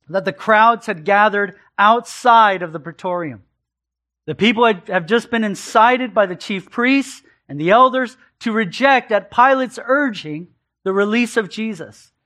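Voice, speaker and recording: A man with a notably high voice delivers an expository sermon from the pulpit. He speaks earnestly and emphatically, and he often repeats a phrase to drive a point home. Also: a little slow, sharp tone. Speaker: pastor.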